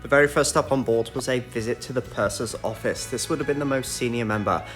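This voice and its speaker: A man's voice: medium pitch, fast, fairly bright tone, faint music behind. A man narrating a scripted tour as a travel vlog host.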